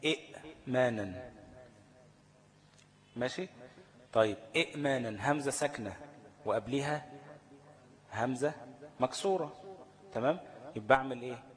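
A man's voice: mid-range voice, a little fast, long pauses. Egyptian man teaching tajweed rules. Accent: Egyptian Arabic. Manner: asks the class questions and answers them himself; repeats each rule step by step. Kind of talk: tajweed lesson explanation. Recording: long hall reverb.

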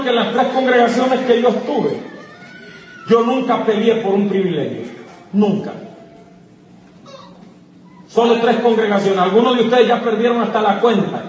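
High-voiced preaching man in an echoey hall. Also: steady tone, normal speed, pauses often, dull audio. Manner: preaching with call-and-response questions, rising to shouts. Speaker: pastor. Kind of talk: fiery sermon. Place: church service with congregation. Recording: echoey hall, distant mic, crowd noise.

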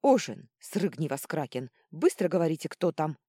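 A woman voicing a stern female archmage who gives clipped, sharp orders. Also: sits low, sing-song, moderate pace, dry recording, studio quality.

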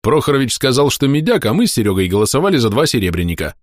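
A man voicing a stern army corporal in an audiobook, his voice raised well above his own and lively in pitch. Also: racing, dry recording, studio quality, natural voice. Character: stern male corporal, squad leader. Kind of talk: audiobook character voice.

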